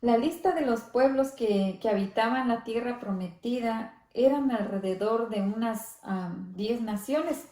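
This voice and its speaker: A woman leading a church Bible study, speaking slowly and reverently, often adding amén and gloria a Dios. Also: a little high, mellow, roomy sound. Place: church hall.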